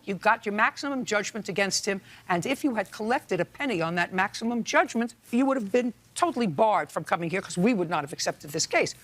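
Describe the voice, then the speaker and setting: Stern, fast-talking woman judge. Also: medium pitch, animated. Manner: stern, blunt, interrupting. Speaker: television court judge. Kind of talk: courtroom questioning and ruling.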